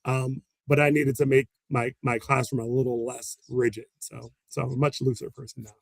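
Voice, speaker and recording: A male special education teacher answers interview questions with animated stories, plenty of laughter, and acted-out quotes. His mid-range voice is creaky, he talks at a normal speed, and there's no echo.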